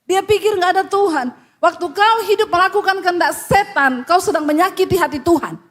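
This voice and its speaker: A woman pastor preaching a sermon in an animated, blunt and scolding way, often dropping her voice low to act out the people she quotes. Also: brisk. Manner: blunt, scolding address to the listeners.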